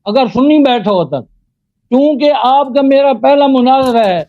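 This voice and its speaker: High, very dry-sounding male cleric, debating live, corrects opponent with lecturing tone, muffled line. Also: lively intonation, no echo.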